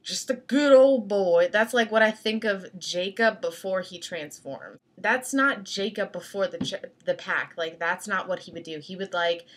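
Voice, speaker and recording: A young adult woman chatting casually as a video blogger, giving opinions in a slangy, emphatic, animated way with exasperated emphasis. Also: on the low side, normal speed, hardly any pauses. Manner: animated, acts out mock quotes. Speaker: video blogger reviewing film clips. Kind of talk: casual opinionated vlog chat.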